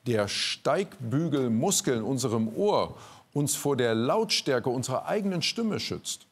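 Hosting a quiz show live in a TV studio, a man with a medium-pitched voice presents to the audience and guests in a very animated yet unhurried way. Music and audience sounds can be heard behind him.

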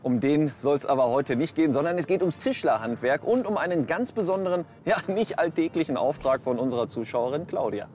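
A man's voice: on the high side, lively intonation, fairly quick, hardly any pauses, darkish tone, slight background noise. A man presenting on location as a TV reporter, chatty and upbeat.

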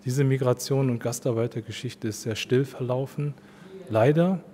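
A man speaks earnestly about his exhibition, his voice dark and mellow. He is recorded in a reverberant room, with faint background noise beneath him. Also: mid-range voice, normal speed. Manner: earnest, reflective. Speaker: exhibition organizer. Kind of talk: interview statement.

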